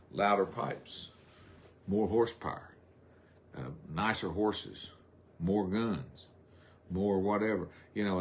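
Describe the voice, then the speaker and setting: Deep-voiced folksy preacher man. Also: slight background noise. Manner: folksy, rambling asides, drawn-out emphasis. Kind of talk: sermon on a live stream.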